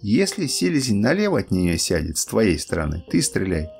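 Grandpa reading as a chill joking hunter dad, gravelly voice that bounces around. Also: male voice, on the low side, very animated, moderate pace, darkish tone, soft background music, pitched below the performer's own voice. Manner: teasing, instructive. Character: calm good-humored father out hunting.

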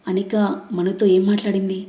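A stern middle-aged husband who scolds and gives orders, read by a woman narrator. The voice sits dark and mellow in a roomy, echoing space. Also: mid-range voice, little pitch movement, moderate pace, muffled recording, natural voice. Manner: commanding, scolding.

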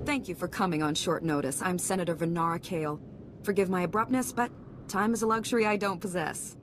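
In a video game cutscene, an actress voices a stern, commanding female senator who is pressed for time, delivering formal, authoritative oratory with stern urgency. Her delivery is fairly quick and lightly acted, and a noticeable rumbling noise sits in the background.

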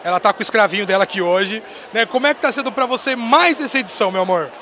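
A man in his thirties, an excited and playful interviewer, hyping his guest with a handheld mic in a busy indoor expo hall. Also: high voice, racing, noisy background. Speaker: interviewer at a trade fair. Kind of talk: casual on-location interview. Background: crowd chatter of the fair.

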